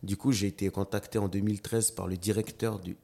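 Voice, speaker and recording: A man, a dancer and slam artist, chatting as a guest in an interview, telling animated stories and acting out quotes, with frequent restarts. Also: on the low side, a little fast, gravelly, slight background noise. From New Caledonia. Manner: animated storyteller, acts out quotes, stammers on restarts. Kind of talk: casual interview chat.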